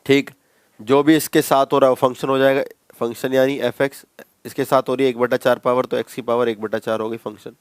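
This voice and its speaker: A man's voice: mid-range voice, level tone, fairly quick, clear, resonant tone, dry recording. A man teaching a maths class, talking students through each step in a casual, repetitive way and calling them bhai. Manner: conversational, addresses students as bhai, repeats steps. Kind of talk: classroom lecture.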